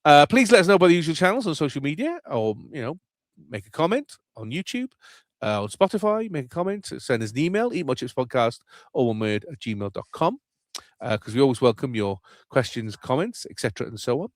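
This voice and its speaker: A man's voice: medium pitch, big pitch swings, brisk, no echo. A man hosting a casual football podcast, rambling and chatty with lots of fillers. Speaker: podcast host.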